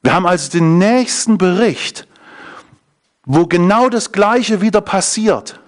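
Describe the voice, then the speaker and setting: A man's voice: sits high, unhurried. A man preaching a sermon, often asking his listeners questions. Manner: engaging, asks the audience questions.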